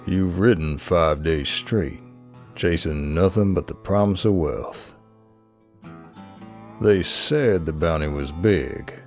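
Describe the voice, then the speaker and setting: A man narrating a game in a measured, storytelling delivery. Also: low voice, darkish tone, heavily acted. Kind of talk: scripted second-person narration.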